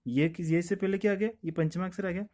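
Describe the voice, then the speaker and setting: A man's voice: high voice, fairly even intonation, fast talker, darkish tone. A man teaching grammar, who repeats each point and asks questions that he then answers himself. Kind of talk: classroom explanation with questions and answers.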